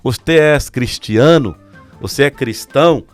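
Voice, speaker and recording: A man's voice: medium pitch, measured pace, clear, resonant tone, faint music behind, natural voice. A man voicing a restless, hostile tattooed male inmate who speaks broken Portuguese with a Mexican Spanish accent. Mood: challenging. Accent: Mexican Spanish-tinged Portuguese.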